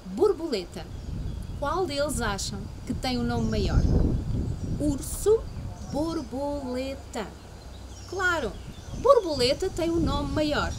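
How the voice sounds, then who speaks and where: Lively European Portuguese storyteller woman. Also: sits high, slight background noise. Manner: slow, gentle, teacherly explaining. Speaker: library storyteller. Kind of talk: children's story reading and lesson.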